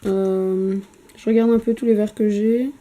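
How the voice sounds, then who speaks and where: A woman's voice: mid-range voice, level tone, a little slow, dark tone. A woman chatting casually while painting a miniature at home, hesitant with many fillers and casual swearing, recorded on a camera mic.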